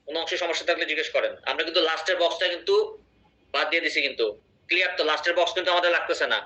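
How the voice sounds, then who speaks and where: Sharp-voiced teacher checking in. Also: male voice, fairly high pitch, very fast, muffled recording. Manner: explains patiently, often checks in with the class. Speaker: English teacher. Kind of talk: online class lecture.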